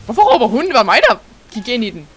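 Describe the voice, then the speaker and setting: A young adult gaming host chatting through a let's-play in an excitable, giggly way, slipping English words into the commentary. The voice sits at a middling pitch, with a faint hiss of background noise behind it. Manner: excitable, laughs often, sprinkles English words into speech.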